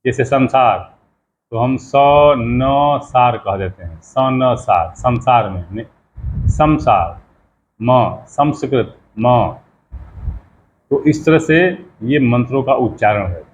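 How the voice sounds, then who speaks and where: Man slowly teaching mantra pronunciation. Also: medium pitch, lively intonation. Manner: slow, deliberate spelling-out of sounds, repeating words. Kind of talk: explanatory teaching talk. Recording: slightly dull lo-fi sound with faint background noise.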